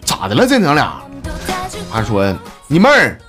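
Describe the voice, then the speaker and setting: A man's voice: mid-range voice, normal speed, soft background music. A young man with a Northeastern Mandarin accent, hosting a comedy show and telling funny stories and listener messages in a chatty, joking way. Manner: joking, chatty, animated storytelling with dialect slang. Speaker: radio comedy host reading listener messages. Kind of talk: comic storytelling.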